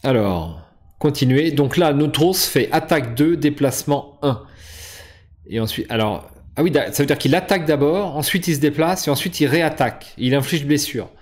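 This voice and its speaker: A board game channel host with a fairly high, animated voice casually explains rules and moves at a moderate pace. He's hesitant, with many fillers and restarts.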